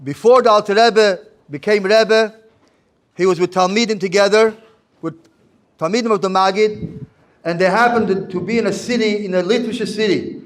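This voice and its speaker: A man, a rabbi, giving a Torah lesson with stories, repeating and restating his phrases as he teaches. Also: high-pitched. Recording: echoey room.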